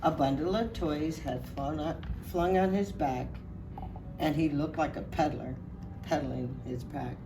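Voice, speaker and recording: A woman playing Mrs. Claus, Santa's wife, reading a storybook aloud to children in an unhurried, expressive way. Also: low voice, noisy background. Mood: merry, gentle. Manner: unhurried, expressive, addressing listeners directly. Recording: distant mic under clear music. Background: music.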